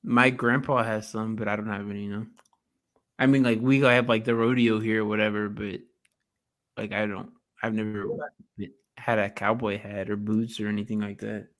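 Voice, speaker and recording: A man's voice: lowish voice, flat delivery, normal speed, fairly bright tone. A young man from Texas chatting casually on a podcast, hesitant and leaning heavily on filler words. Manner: hesitant, filler-heavy, lots of "like".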